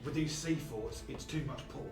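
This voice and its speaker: A man's voice: on the high side, moderate pace, far from the mic. A man playing a tabletop game, chatting in casual, joking banter. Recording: echoey room, off mic, music behind.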